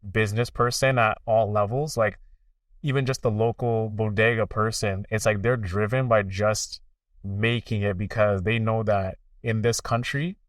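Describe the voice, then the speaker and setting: A young adult man raised in Canada, hosting a podcast in relaxed, relatable chat full of "like" fillers. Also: fairly low pitch, moderate pace, no echo, clean studio sound, distant mic. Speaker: podcast host. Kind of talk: casual interview conversation.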